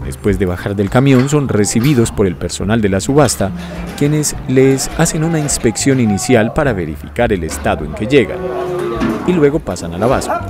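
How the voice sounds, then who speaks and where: A man's voice: mid-range voice, expressive, a little fast. A man reading scripted documentary narration. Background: music.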